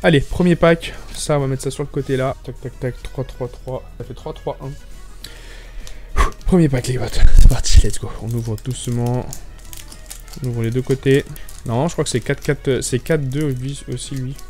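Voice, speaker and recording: A young man with a French accent chatting excitedly to viewers, stumbling over his words as he opens card packs. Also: medium pitch, normal speed, over music. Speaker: YouTuber opening card packs. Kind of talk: casual excited chat.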